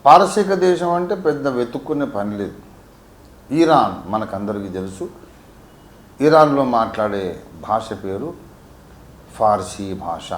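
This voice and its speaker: A man from Warangal, a pastor teaching a Bible sermon, swinging between quiet asides and emphatic peaks. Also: on the low side, animated, a little slow, long pauses, reverberant. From Warangal, India.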